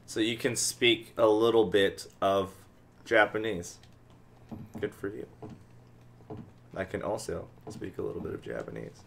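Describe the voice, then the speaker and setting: A man's voice: fairly low pitch, measured pace, creaky, pauses often, slight background noise. A man co-hosting a game stream in casual chat, joking dryly. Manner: dry, joking, deadpan. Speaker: let's play co-host. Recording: game music behind the commentary.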